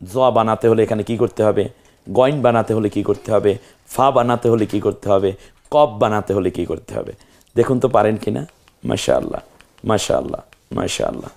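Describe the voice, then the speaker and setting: A man's voice: lowish voice, darkish tone. A man with a Bangladeshi accent teaching the Arabic alphabet, patiently drilling letter names and coaxing the learner. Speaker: Quran teacher.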